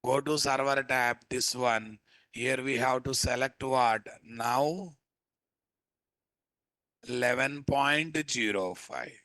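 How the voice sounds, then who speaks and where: A software instructor with a Telugu Indian accent teaches a live step-by-step tutorial, addressing learners informally and often asking rhetorical questions. His mid-range voice moves slowly with long pauses, and the recording is dry.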